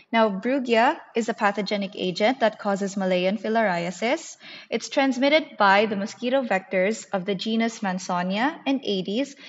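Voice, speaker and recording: Woman teaching a class, muffled and echoing. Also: mid-range voice. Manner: teacher addressing a class, explanatory. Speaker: medical lecturer teaching a class. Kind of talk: scripted slide lecture. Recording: muffled, reverberant narrated slide recording.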